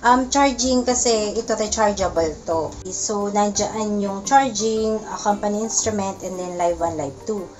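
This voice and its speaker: A woman doing a casual product demo, explaining in short bursts with frequent pauses, speaking into a condenser mic at home. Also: mid-range voice, darkish tone, soft background music. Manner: talks in short explanatory bursts, often pausing. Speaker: product reviewer. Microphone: condenser mic through a sound card. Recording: noisy home recording.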